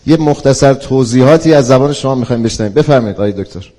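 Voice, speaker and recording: A man with a dark, mellow tone hosts a live event. His manner is formal, deferential and very polite. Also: medium pitch. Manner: deferential, very courteous. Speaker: event host.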